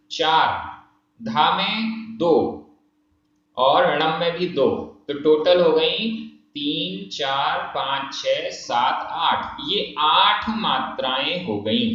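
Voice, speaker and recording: A man giving a spoken language tutorial, patient and methodical, slowly counting out syllables one by one. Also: a little high, fairly bright tone. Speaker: Prakrit language teacher. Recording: echoey room, slightly dull sound.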